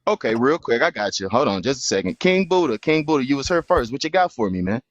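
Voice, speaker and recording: A man's voice: medium pitch, sing-song, quick pace, dry recording. A young man hosting a livestream panel, talking casually and argumentatively, full of slang and "bro". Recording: dull lo-fi stream audio.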